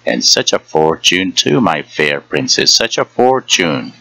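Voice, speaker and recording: A man's voice: very deep voice, very animated, measured pace, pushed and bright, no room sound, full character voice, poor audio. A man voicing an old woman fortune teller who taunts and jeers in a bitter, cackling way. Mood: wheedling. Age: older.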